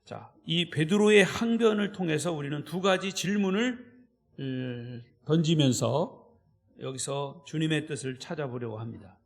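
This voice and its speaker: A man's voice: a little high, a little slow, vocal fry. A male pastor preaching an evening sermon, emphatic and often checking in with his listeners.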